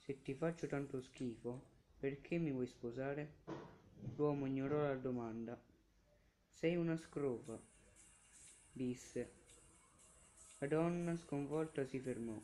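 A man reading a horror story aloud as a student reader, slow and careful. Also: mid-range voice, mellow, soft background music, rough recording.

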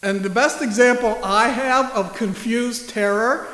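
A man's voice: very high voice, measured pace, fairly bright tone. A male pastor preaching a sermon in a church, conversational and joking. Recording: echoey church hall.

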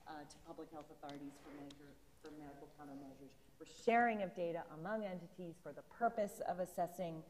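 A woman's voice: sits low, darkish tone, big-room sound, rough recording. A middle-aged woman speaking on a conference panel, explaining regulations in a careful, legal-minded way. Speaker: federal privacy regulator on a panel. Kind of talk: panel discussion. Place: conference stage in a large hall.

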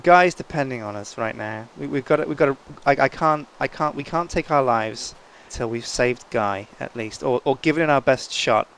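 A man's voice: medium pitch, normal speed, hardly any pauses, fairly bright tone, a little hiss or hum. A man co-hosting a gaming video, giving casual commentary in a playfully earnest, rallying way.

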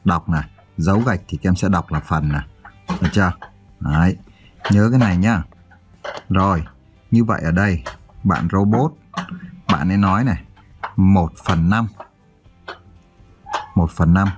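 A man's voice: sits low, moderate pace, pauses often, faint music behind. A male teacher giving a primary school math lesson, counting aloud and asking his pupils check questions.

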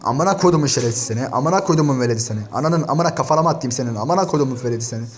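Fast-talking, foul-mouthed ranting man. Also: medium pitch, animated. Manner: nonstop cursing, ranting and mocking. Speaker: YouTuber commenting on an online insult battle. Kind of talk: profane screen-share commentary to viewers.

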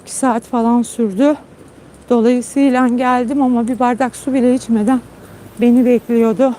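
A woman's voice: fairly even intonation, moderate pace, a little hiss or hum. A woman host chatting casually to viewers on a phone live stream, tired after a long trip, outdoors at night in a garden. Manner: chatty, warm-hearted, calls her dog in high coaxing tones. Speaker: channel host.

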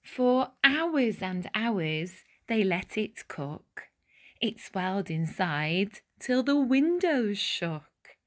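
Very slow, animated woman storyteller. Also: medium pitch. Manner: deliberate, dramatic phrasing. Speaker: picture book reader. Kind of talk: expressive read-aloud of a rhyming children's storybook.

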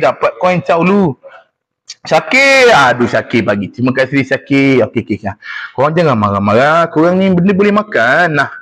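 A man's voice: fairly high pitch, fairly bright tone. Chatty Malaysian man live-streaming. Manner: chatty, teasing, reads viewer comments aloud. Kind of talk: casual live-stream chat.

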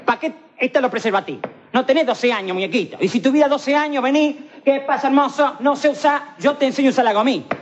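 A man's voice: very high voice, fast talker. A man with a Rioplatense accent playing a cocky streetwise hustler in a TV comedy sketch, rambling in heavy slang and checking again and again that he's understood. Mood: swaggering. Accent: Rioplatense Spanish. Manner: rambling, slangy, swaggering, keeps asking "all right?". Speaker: comic actor in a TV sketch. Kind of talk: TV comedy monologue in character. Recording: dull lo-fi 1990s TV tape with faint hiss.

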